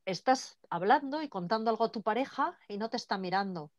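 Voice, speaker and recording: A woman leading an online workshop in a lively, conversational way. She acts out quoted dialogue as she talks. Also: a little high, a little fast, no echo, clean studio sound. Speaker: workshop trainer. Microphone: video call.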